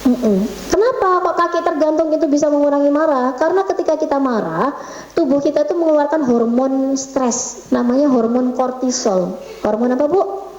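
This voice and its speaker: A woman's voice: high voice, moderate pace, a little mellow, muffled recording. A middle-aged woman gives an interactive religious talk to a group of women, chatty and quizzing her listeners. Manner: chatty, quizzes the audience, slips into Javanese. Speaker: religious speaker at a women's study session. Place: government office meeting room. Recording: echoey meeting room.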